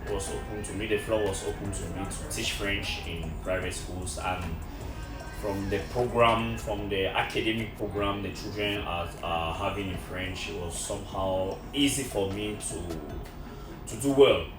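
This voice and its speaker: A man from Cameroon, a French teacher, answering interview questions in a slow, halting way with many fillers. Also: on the low side. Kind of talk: casual interview. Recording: echoey room from far off with music.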